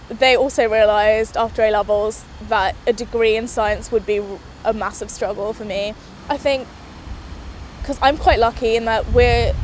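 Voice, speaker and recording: A woman's voice: a little high, a little hiss or hum, poor audio. A young female student from Sri Lanka, speaking articulately in an interview. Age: young adult. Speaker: university student. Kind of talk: casual interview.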